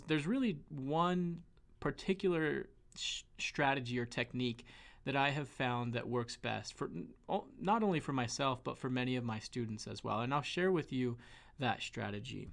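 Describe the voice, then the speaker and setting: A man's voice: mid-range voice, vocal fry, a bit bright. A man with a Western American accent, teaching a pronunciation lesson with many fillers and restarts. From western United States. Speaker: Spanish teacher.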